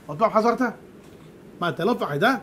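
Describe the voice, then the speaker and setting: Guy doing a bossy old sage barking orders, kinda high voice. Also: animated, a bit bright, slight background noise. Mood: scolding. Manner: commanding, scolding. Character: stern, fearless old male sage.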